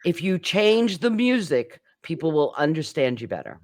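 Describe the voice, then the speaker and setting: A woman's voice: deep voice, big pitch swings, normal speed. A woman teaching English pronunciation in a class, drawing out each example word as she demonstrates it. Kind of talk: live online class instruction.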